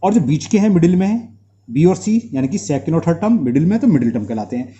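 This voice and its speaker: A man with an Indian accent teaching maths in a dark, mellow but high-pitched voice that swings widely. He speaks slowly, quizzing the class and repeating each term, with slight trouble speaking from mouth sores. The recording sounds dull and lo-fi. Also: very animated. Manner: asks the class rhetorical questions, drills terms by repetition. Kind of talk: explanatory classroom lesson.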